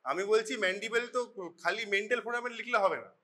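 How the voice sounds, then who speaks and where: A high, bright man's voice, a Bengali lecturer talking casually to his class and slipping into English mid-sentence. He teases and scolds his students as he goes. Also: rapid-fire, a little hiss or hum. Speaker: forensic medicine lecturer. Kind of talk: informal classroom teaching. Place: college classroom.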